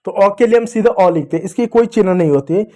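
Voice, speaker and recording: A man's voice: high-pitched, fast talker, mellow. A man teaching young children to read, patiently repeating each sound and answering his own questions. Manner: addresses the viewers as dear children. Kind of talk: children's reading lesson.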